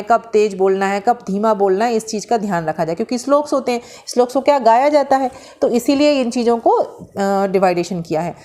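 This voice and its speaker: Working from handwritten notes, a woman delivers a Sanskrit grammar lesson in a slightly high, gently mellow voice. Her pace is slow, her Hindi is mixed with English terminology, and she answers her own questions while drawing out vowels in her demonstrations.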